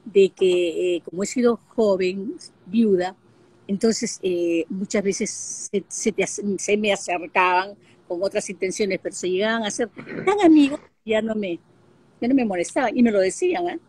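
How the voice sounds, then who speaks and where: An older woman with a Peruvian Spanish accent, a guest telling lively stories in a casual interview with plenty of fillers. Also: medium pitch, normal speed, slightly rough. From Peru. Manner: lively storyteller, frequent fillers. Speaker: guest, actress and broadcaster. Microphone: video call.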